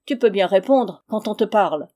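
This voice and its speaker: A shrill, insolent young peasant wife from a storybook, as a woman reading aloud puts her on. She spits out taunts in a loud, raised, higher voice. Beneath it the tone stays warm and mellow. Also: lively intonation, moderate pace, lightly acted. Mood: mocking. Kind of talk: audiobook character reading.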